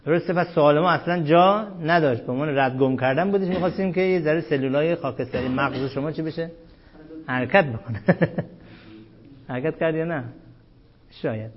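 A man gives a grammar lesson in a classroom, throwing questions at his students and answering them himself. He reads the Arabic lines slowly, almost chanting them. His voice sits a little high, and the recording sounds dull and lo-fi. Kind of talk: classroom lecture.

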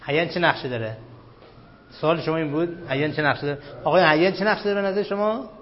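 A man teaching grammar in a classroom lecture, quizzing students with repeated questions and slowly repeating key terms. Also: a little high, a little hiss or hum. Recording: dull lo-fi recording.

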